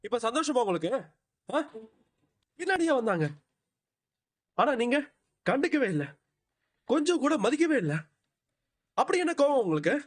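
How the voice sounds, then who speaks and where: A man's voice: extremely high pitch, very animated, normal speed, pauses often, breathy edge, full character voice. An actor playing an angry young man in a TV serial, confronting an elder in an indignant, confrontational way. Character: angry young husband defending his mother.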